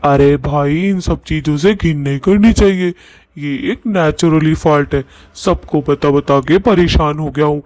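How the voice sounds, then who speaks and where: A man's voice: a little high, a little slow, darkish tone, no room sound, lightly acted, poor audio. A man voicing a grumpy, bossy old blue ghost husband in a cartoon. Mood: defensive. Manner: bossy, scolding, defensive. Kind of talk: cartoon voice acting.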